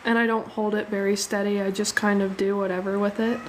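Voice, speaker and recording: Mid-range and flat, her delivery moves a little fast over poor audio with a bit of hiss or hum. The young woman is hosting a live drawing stream, chatting casually, thanking her viewers and laughing easily, slightly sniffly from a cold.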